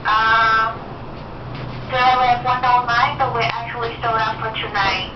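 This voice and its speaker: A woman's voice: on the high side, level tone, unhurried. A woman working as a hotel receptionist, handling a customer call over a phone. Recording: muffled distant speakerphone, echoey, noisy.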